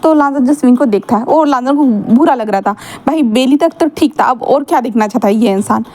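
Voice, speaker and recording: A woman's voice: high voice, fairly quick, darkish tone. A woman casually retelling a fan fiction story with chatty fillers and asides. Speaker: fanfiction narrator.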